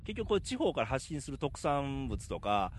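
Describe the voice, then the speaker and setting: A man's voice: mid-range voice, sing-song, moderate pace, slight background noise. A man hosting a radio show in a casual chat, steering the conversation along. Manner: chatty, encouraging, steers the talk. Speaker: radio host.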